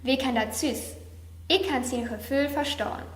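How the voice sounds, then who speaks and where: Woman slowly reciting a rhyming poem. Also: high-pitched. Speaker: reader. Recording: roomy echo.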